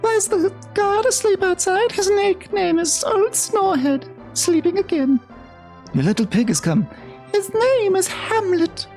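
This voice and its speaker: A very high, girlish princess. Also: big pitch swings, unhurried, darkish tone, soft background music, exaggerated voice. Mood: pleading. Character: sweet high-voiced young princess.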